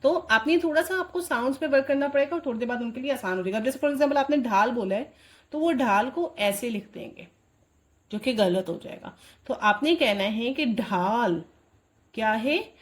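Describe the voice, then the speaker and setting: Higher-pitched woman explaining a lesson. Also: animated. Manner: checks in often with a rising question; says sample words slowly and with force, repeating them. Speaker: homeschooling mom teaching Urdu writing. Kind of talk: instructional tutorial addressing parents.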